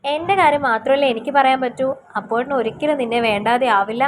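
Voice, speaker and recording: A woman voicing a shy, tearful young girl in love, speaking earnestly and softly. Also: high-pitched, fast, a little hiss or hum, lightly acted.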